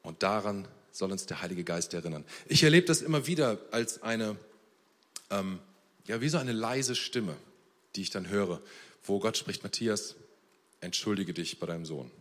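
A man preaching a sermon at a church service, earnest, moving between soft and emphatic delivery. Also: fairly low pitch, expressive, normal speed. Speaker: pastor. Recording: long reverb of a church hall.

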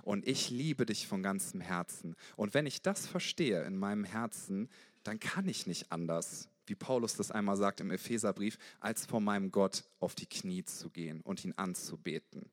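A man preaching a sermon with passion, swinging between loud exclamations and soft, intimate passages. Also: lowish voice, animated, normal speed. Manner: passionate, gets loud, then drops to soft intimate tones. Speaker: guest preacher.

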